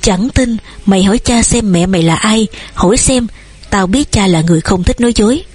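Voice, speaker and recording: A woman voicing a cold, bullying grown son who threatens his family in rapid, harsh bursts, with a husky voice. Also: medium pitch, darkish tone, no echo, lightly acted.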